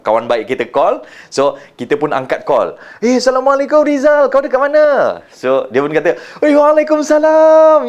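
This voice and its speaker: A young Malaysian man teaching communication skills, lively and demonstrative, acting out greetings in changed voices. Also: on the high side. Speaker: communication trainer. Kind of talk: talking-head training lesson.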